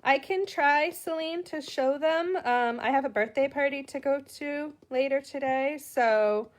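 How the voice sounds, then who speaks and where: A woman's voice: high voice, unhurried. Chatty Boston woman teaching card stamping. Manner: chatty, greets viewers while working. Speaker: card-making demonstrator. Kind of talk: live stamping tutorial.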